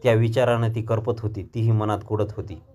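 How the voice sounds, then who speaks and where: Man, low voice, story narrator, measured expressive reading.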